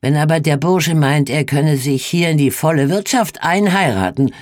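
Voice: medium pitch, animated, moderate pace, a little mellow, no echo, studio quality, voice pushed up, lightly acted. A reader voicing a stout, proud, stubborn farmer man in a storybook reading, blustering and emphatic. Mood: scornful boast. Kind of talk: audiobook reading.

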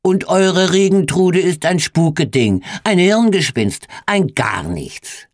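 Brief: scornful rich farmer man, done by an audiobook reader, slow and husky, blustering, dry close recording. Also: mid-range voice, expressive, no room sound, voice pushed up. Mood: scornful boast. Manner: blustering, emphatic. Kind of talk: audiobook reading.

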